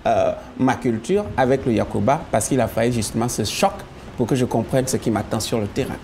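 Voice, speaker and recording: A singer whose first language is Yakuba, chatting in an interview and telling stories with a laugh. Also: male voice, mid-range voice, brisk, a little hiss or hum. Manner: animated storytelling, laughing often. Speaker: gospel singer. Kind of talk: casual interview chat.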